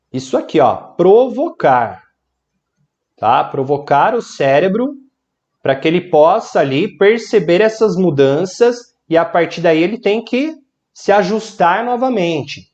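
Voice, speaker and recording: A man's voice: sits high, lo-fi sound. A man teaching an online lesson, explaining activities and chanting a rhyme while clapping along. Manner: lively and animated, chanting rhymes slowly between explanations.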